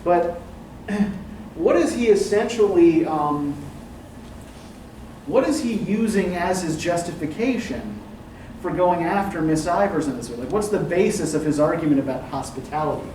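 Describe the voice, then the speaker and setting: This man speaks on the high side yet with a darkish tone, expressive and at normal speed. As a literature professor running a class discussion, he reflects carefully and keeps adding "right?" and "um." The sound is distant and echoey, with classroom noise behind.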